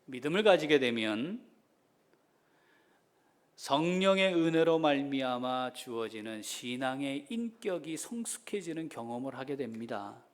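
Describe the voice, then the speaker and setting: A middle-aged man, a senior pastor, preaching a sermon that swings between loud exhortation and soft, intimate asides. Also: mid-range voice, lively intonation, a little slow.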